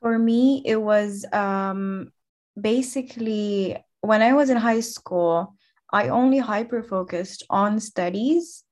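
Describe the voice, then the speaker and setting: A young woman from Finland, a podcast guest who pauses to rephrase her thoughts. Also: medium pitch, a little mellow. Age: young adult. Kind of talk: casual podcast chat.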